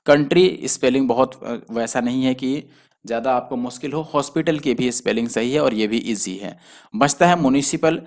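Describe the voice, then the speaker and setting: A man's voice: medium pitch, a little mellow. A man teaching a spelling lesson for exam students, who explains patiently and spells words out letter by letter. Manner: explains patiently, spells letters out slowly, often adds "theek hai". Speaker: exam prep tutor.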